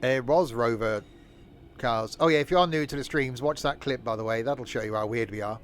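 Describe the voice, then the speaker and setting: A man's voice: medium pitch, fairly quick, a little hiss or hum. A man chatting casually while livestreaming a train simulator, with dry, self-mocking sarcastic asides. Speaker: streamer. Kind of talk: live game stream commentary.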